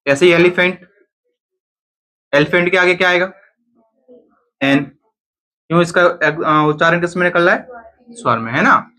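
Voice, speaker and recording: A man's voice: high voice, measured pace, pauses often, bright, forceful tone. A man teaching a grammar lesson to a class, often asking students questions and then answering them himself.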